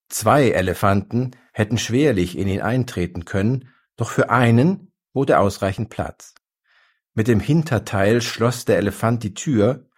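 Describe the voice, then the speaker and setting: A man reading a story aloud in a calm, measured narration. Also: on the low side, slightly rough.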